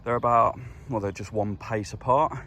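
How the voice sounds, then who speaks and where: A man, a vegetable grower chatting casually through a farm vlog, relaxed and explaining things as he works outdoors. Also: fairly low pitch, normal speed.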